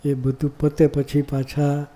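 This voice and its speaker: A man's voice: a little high, completely flat delivery, takes it slowly, dark tone. A man giving a devotional discourse as a monk preacher, often asking the audience rhetorical questions.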